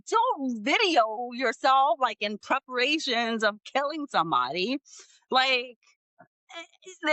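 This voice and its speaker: A woman hosting casual true-crime commentary, blunt and animated, with slangy asides. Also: high-pitched, dry recording. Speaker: host.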